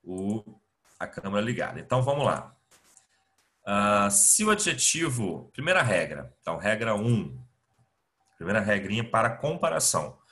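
A man's voice: lowish voice, very animated, normal speed, sharp tone. A Brazilian man teaching an English class over a video call, explaining patiently step by step with many fillers. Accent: Brazilian Portuguese. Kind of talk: online class lecture. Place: home, remote video class. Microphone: computer mic on a video call.

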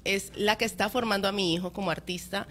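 Bright-voiced woman co-hosting a show. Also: mid-range voice, steady tone, quick pace, slight background noise. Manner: playful, laughing, then warmly presenting guests. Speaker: morning show co-host. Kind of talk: casual morning show banter and introduction.

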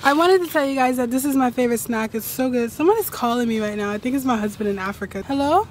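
A tired woman in a rambling, excitable casual vlog to camera, recorded outdoors at night on a handheld phone after a long ride. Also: fairly high pitch, fast talker, a little hiss or hum. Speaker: travel vlogger.

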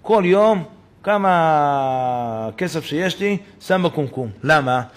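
A man giving voice to a worried elderly father who tells his story in a plain, rambling way, with a husky voice. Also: fairly high pitch, animated, close to an everyday voice. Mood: explaining.

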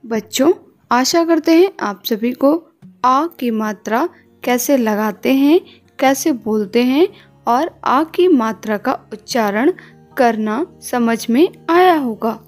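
A woman teaching a recorded online lesson to young children, with slow, drawn-out, sing-song prompts and repeated questions. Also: on the high side, lively intonation, soft background music. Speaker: kindergarten teacher.

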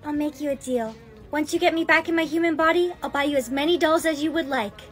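A woman with a high voice performing skit dialogue, very emotive and shifting easily between fear and excitement. Light background music plays faintly behind her. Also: fast talker. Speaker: lead in a storytime skit.

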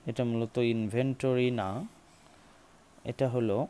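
Mellow, clear and resonant, the man's medium-pitched voice keeps a fairly even intonation. He gives a slow spoken English lesson on pronunciation, spelling out words, repeating each several times and questioning his viewers.

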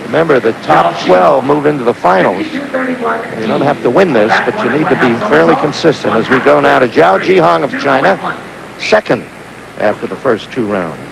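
A man's voice: mid-range voice, sing-song, normal speed, vocal fry, over a noisy crowd. A man giving live sports commentary on an old, noisy outdoor broadcast. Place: outdoor diving stadium.

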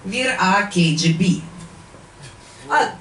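A woman's voice: mid-range voice, expressive, takes it slowly. A woman putting on a stern Soviet comedian with a fake Russian accent, performing live. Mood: deadpan. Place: small comedy club stage. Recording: roomy club, far from mic, noisy crowd.

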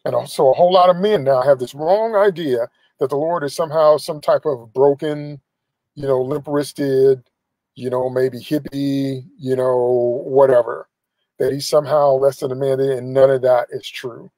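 A middle-aged man preaches an emphatic sermon, live-streamed from inside a car, with his phone held at arm's length. His voice sits at a middle pitch, and the sound is dry and close with no room echo. He drives his points home by repeating phrases. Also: fairly even intonation, normal speed, mellow. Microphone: phone camera at arm's length.

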